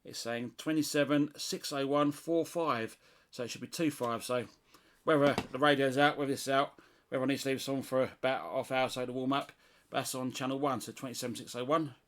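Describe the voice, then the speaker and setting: Speaking briskly in a mid-range voice with fairly even intonation, this middle-aged British CB radio enthusiast walks through a hands-on demo. He works things out aloud as he tests, with nothing scripted.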